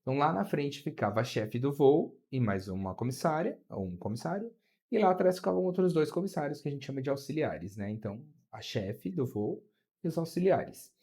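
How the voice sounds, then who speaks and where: A man with a Brazilian Portuguese accent, a flight attendant guest telling a story in an interview, his voice climbing as the story builds. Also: brisk. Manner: animated, pitch rising as the story builds.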